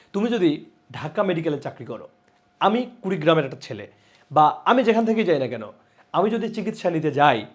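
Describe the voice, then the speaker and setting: Young male online teacher, slightly high voice, lively exam-prep delivery with lots of repetition. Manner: lively, repeats points and calls out students' names.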